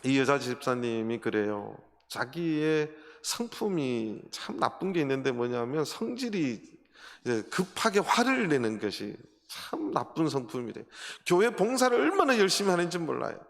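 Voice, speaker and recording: A man's voice: medium pitch, very animated, moderate pace. A man preaching a sermon as a pastor, telling a story and putting rhetorical questions to the congregation. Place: church sanctuary. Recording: long hall reverb.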